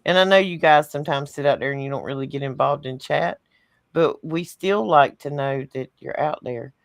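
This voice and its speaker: Southern woman co-host, gravelly and dry, folksy and down-home. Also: deep voice, moderate pace, no echo. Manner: folksy, drawling, uses "ain't" and "y'all". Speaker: co-host of a live stream show. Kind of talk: casual live-stream chat.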